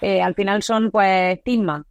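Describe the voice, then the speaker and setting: Young Andalusian woman, rapid, clipped S endings, dry close sound; interview guest. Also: medium pitch, fairly even intonation, dry recording. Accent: Andalusian Spanish. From Almería, Spain. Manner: fast-talking, drops final S sounds. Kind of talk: casual interview chat.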